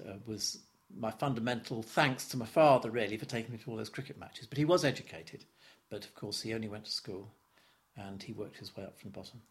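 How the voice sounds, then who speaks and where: A Londoner in his seventies, his voice on the low side, recalls his early years for an oral history interview. His reflective speech comes in stops and starts, stumbling over repeated words, and he chuckles as memories return.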